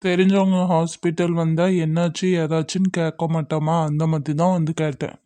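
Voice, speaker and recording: A reserved young man in a homemade cartoon, voiced by a woman, calm and caring. The voice sits low and mellow, recorded dry with no room sound. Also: brisk, no echo, lightly acted. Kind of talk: amateur cartoon voice acting.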